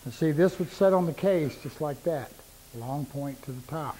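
A man's voice: on the high side, moderate pace, mellow, slight background noise, rough recording. A middle-aged man demonstrating cuts in his woodworking shop, plain-spoken and repeating points for emphasis while he works, on a lapel mic. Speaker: woodworking instructor. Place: woodworking shop with power saws.

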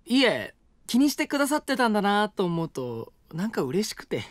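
A voice actor in his 20s performs a voice drama as a gentle, mature university student next door. His high-pitched voice moves at normal speed, soft, polite and calm, with a lively lilt and a light teasing touch. It is a dry, close studio-mic take.

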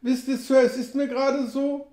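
A man's voice: extremely high pitch, flat delivery, moderate pace, mellow, voice pushed up. A man voicing a chatty, folksy old frontier trapper who talks in clipped, colloquial phrases and exclaims often. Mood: shaken. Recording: roomy echo.

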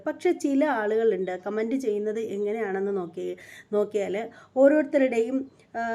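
A woman's voice: a little high, mellow. Chatty woman in her forties. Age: 40s. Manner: chatty, repetitive, sometimes indignant. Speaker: reaction channel host. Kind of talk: casual monologue to viewers.

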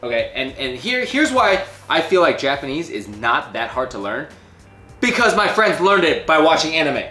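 A young man co-hosting a casual chat, lively and joking, with lots of fillers. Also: fairly high pitch, moderate pace. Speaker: co-host. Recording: echoey room with faint music.

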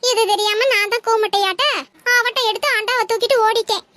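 A woman's voice: very high-pitched, steady tone, a little fast, background noise. A woman acting a worn-out mother who scolds and complains at length, in a comedy sketch. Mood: complaining. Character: exasperated mother, loud and scolding.

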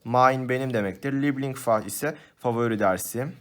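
Male teacher, mid pitch, patient step-by-step exam walkthrough. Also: moderate pace. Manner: patient, step-by-step explaining, addresses students as friends. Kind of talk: exam-prep lesson walkthrough.

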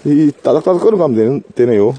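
A man's voice: medium pitch, expressive, quick pace, warm tone, a little hiss or hum. A man with a Gyeongsang Korean accent chatting casually to viewers outdoors, joking, stammering and rambling. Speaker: vlogger and live streamer. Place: outdoors in a rural garden.

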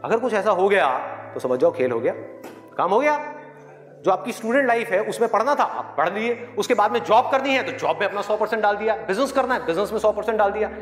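A man's voice: high voice, expressive, quick pace. A man giving a live motivational talk to students, asking rhetorical questions in a playful way. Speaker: motivational speaker. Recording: echoey hall, live audience, faint music.

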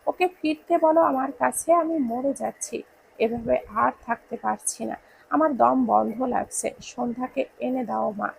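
A woman voicing a young man in a romance story, desperate and pleading, then gruff and commanding. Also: fairly high pitch, unhurried, slight background noise, low-quality recording. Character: grieving young man pleading for his love.

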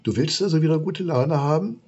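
A man's voice: fairly high pitch, fairly quick, a little mellow, husky, lo-fi sound, voice pushed up. A man voicing an eager, kind young boy who coaxes with questions in a storybook reading.

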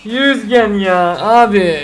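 A man's voice: high-pitched, takes it slowly. A young man giving casual commentary while opening packs in a mobile football game, cheering and groaning at the results.

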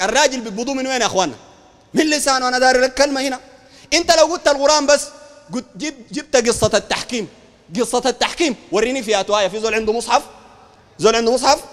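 Sudanese male preacher in a combative debate, strikingly high voice, long hall reverb. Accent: Sudanese Arabic. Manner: combative, fires rhetorical questions, shouts at times. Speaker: Islamic preacher. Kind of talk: heated public debate.

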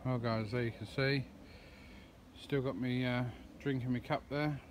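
A man's voice: medium pitch, steady tone, measured pace. A man, chatting casually through a woodland cooking and hiking vlog with lots of ums, filmed on a handheld phone outdoors. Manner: rambling, many ums, chatty. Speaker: outdoors vlogger. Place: woodland campsite and path outdoors. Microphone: phone camera held at arm's length. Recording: outdoor phone audio with clear background noise.

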